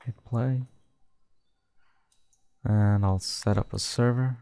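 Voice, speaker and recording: A man narrating a screen-recorded coding tutorial, dictating code slowly and step by step. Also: mid-range voice, fairly even intonation, vocal fry, dark tone, clean tone, no echo. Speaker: tutorial host.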